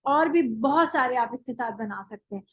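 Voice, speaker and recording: A woman's voice: on the high side, expressive, fairly bright tone, dry recording. Woman teaching grammar in a lecture. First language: Urdu. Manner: explains step by step, often checks with "thik hai"; drills word forms slowly, one at a time. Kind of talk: classroom lecture.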